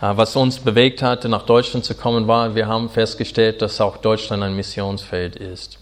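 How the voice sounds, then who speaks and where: An American man in his forties, an English native speaker, preaches with an American accent. His German is earnest but halting and full of small pauses, and his voice sits a little low. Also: level tone. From Arkansas, USA. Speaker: pastor. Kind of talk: sermon.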